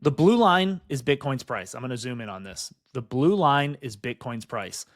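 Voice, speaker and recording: A man giving excited, fast-talking commentary on crypto markets over charts, often calling out to "guys" and asking "right?". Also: mid-range voice. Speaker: crypto investing YouTuber.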